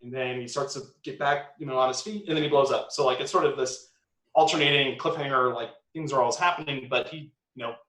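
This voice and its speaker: A man's voice: mid-range voice, fairly even intonation, quick pace, fairly bright tone, reverberant. A man chatting casually about movies and science, rambling with lots of fillers and hedges. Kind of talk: casual chat.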